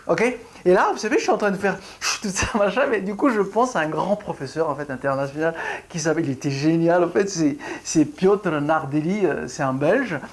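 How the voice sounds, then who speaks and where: A middle-aged pianist for ballet classes gives a casual video lesson in a mid-range voice. She demonstrates rhythm and breathing while speaking haltingly and restarting often.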